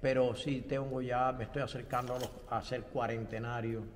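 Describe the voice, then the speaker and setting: A man's voice: mid-range voice, little pitch movement, moderate pace, in a large hall, a little hiss or hum. An older man from Cuba, a pastor and theology professor, answering interview questions in a reflective way with light self-deprecating humor. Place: studio set with bright backdrop.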